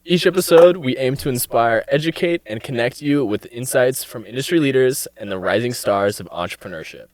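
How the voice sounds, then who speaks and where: A man's voice: mid-range voice, lively intonation, brisk, few pauses, no echo. A man hosting a podcast, reading the intro and asking loose follow-up questions. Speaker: podcast host.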